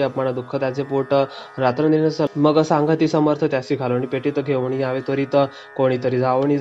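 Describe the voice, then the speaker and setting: Flat-voiced man reciting devotional scripture. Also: mid-range voice. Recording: dull lo-fi recording with faint music.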